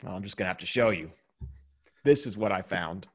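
A man's voice: deep voice, fairly quick, a bit bright. A man co-hosting a podcast from his home basement studio, chatting casually and rambling with restarts and chuckles. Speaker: podcast co-host. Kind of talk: casual chat.

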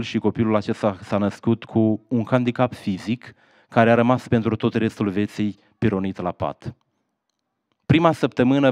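A man's voice: a little mellow, no room sound. A man with a Moldovan Romanian accent preaching an evangelistic sermon, telling a sad story dramatically and then pressing listeners with rhetorical questions. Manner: dramatic storytelling, dropping low for sad parts and rising for quoted voices. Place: village house of culture.

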